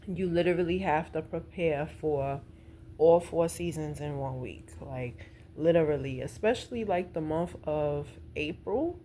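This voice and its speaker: In a low-pitched, dark voice, a middle-aged woman rambles through a casual vlog chat at a measured pace, drifting informally from point to point. The recording has noticeable background noise.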